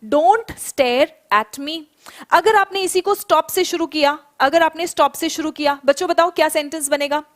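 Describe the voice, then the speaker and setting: A young woman teaching an online spoken English class, explaining in Hindi and drilling English phrases slowly for students to repeat. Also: high voice, fairly even intonation.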